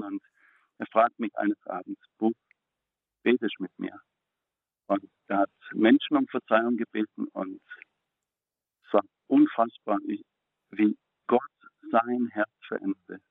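A middle-aged man tells a personal faith story in a low, earnest voice, stumbling and repeating words when it moves him. He comes through a thin, phone-like line with a dry sound. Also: measured pace, vocal fry, long pauses, dry recording. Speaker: guest.

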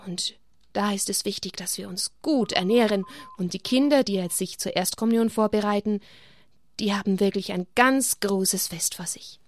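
Gentle woman storyteller. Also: medium pitch, moderate pace. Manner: gentle, addresses children directly. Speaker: storyteller for children. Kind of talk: Bible story read to children.

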